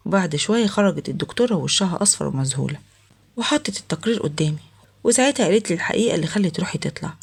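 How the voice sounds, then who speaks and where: Egyptian woman narrator, husky voice, races through a first-person family story at a steady clip. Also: lowish voice, very fast. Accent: Egyptian Arabic.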